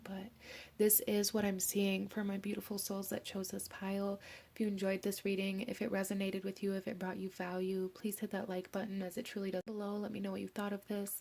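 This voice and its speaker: A young tarot reader with a mid-range voice, hoarse from a cold, gives a gentle pick-a-card reading and now and then drops into soft whispers.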